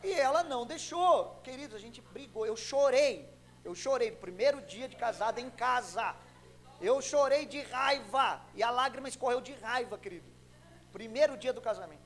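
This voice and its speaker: A young adult man from Brazil preaching a sermon as pastor, telling a story with acted-out dialogue and swinging between loud and soft. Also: very high-pitched, lively intonation, normal speed, rough recording. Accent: Brazilian Portuguese.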